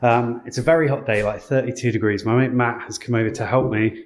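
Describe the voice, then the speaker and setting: Relaxed man rambling through a renovation. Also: medium pitch, brisk, slight background noise. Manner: relaxed, rambling, thinking aloud with fillers. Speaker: home renovation vlogger. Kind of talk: casual vlog commentary. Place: indoor house under renovation.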